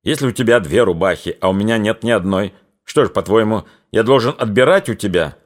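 A man voicing a quick-tempered Cossack captain who speaks curtly and commandingly, in an audiobook reading. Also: on the low side, animated, lightly acted. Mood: stern. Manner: curt, commanding, raises his voice.

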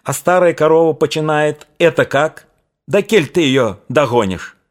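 A man voicing a hot-tempered old Cossack father who yells and curses in a raised, strained voice. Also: a little high, lively intonation, unhurried, voice pushed up. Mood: furious. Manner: furious yelling, cursing.

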